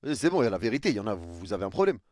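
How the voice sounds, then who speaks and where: A man's voice: on the low side, sing-song, very fast, darkish tone. A young man streaming live, chatting casually in slang and thanking viewers for their subs. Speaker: streamer reacting to a video.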